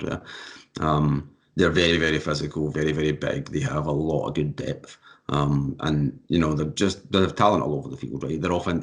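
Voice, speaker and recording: A male football coach answering interview questions in a brisk, analytical way. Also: rumbling low.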